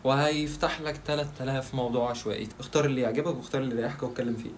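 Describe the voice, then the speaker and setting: Rapid-fire Egyptian man teaching. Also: medium pitch, a little hiss or hum. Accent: Egyptian Arabic. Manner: asks himself questions and answers them; chatty, addresses the viewer directly. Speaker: language-learning video creator. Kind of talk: casual tutorial monologue.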